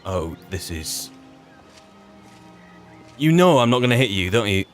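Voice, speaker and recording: Muttering wryly to himself, a British player roleplays a fantasy game with casual in-character commentary. His voice sits on the low side and is very animated, though a little slow. Game music can be heard in the background.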